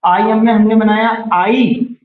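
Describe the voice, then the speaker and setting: A young man teaching a beginners' shorthand class, patiently repeating each word slowly and checking whether anyone has doubts. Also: sits high, steady tone. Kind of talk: classroom lesson. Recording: roomy, dull lo-fi sound.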